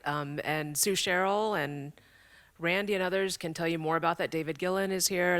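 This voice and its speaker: A man with a high-pitched voice closes the event for the church. He is affable and informal, with a pastoral warmth in how he frames things. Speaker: church host. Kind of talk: closing announcements.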